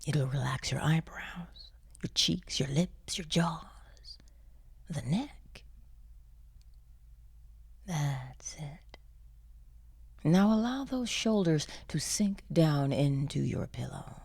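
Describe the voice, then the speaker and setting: Speaking low and expressively, a woman leads listeners toward sleep in a breathy, near-whispered tone that is calm, slow and softly encouraging. There is no room sound.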